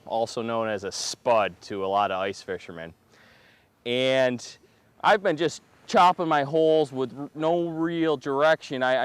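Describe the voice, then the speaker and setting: A man's voice: medium pitch, clear, resonant tone, dry recording. A man hosting an ice fishing show, talking casually outdoors. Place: outdoors on a frozen pond.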